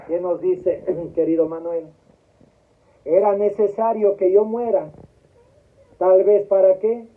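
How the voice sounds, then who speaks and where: A priest with a high voice preaches a memorial homily slowly and steadily. He keeps asking the congregation questions and pauses for their answers. The sound is thin and tinny, like it is coming over a phone line. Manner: asks the congregation questions and lets them answer.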